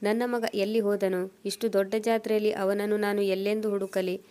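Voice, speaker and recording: A woman's voice: mid-range voice, level tone, a little fast, warm tone, natural voice. A woman voicing a worried elderly mother who pleads tearfully while searching for her lost son. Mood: fretful.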